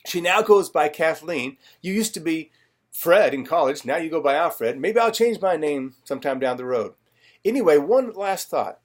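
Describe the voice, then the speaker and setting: A man's voice: a little high, animated, moderate pace. A middle-aged man telling a friend stories from their past in a personal video message, acting out what people said along the way. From California. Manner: warm storytelling, reminiscing, acts out quoted lines. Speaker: financial advisor.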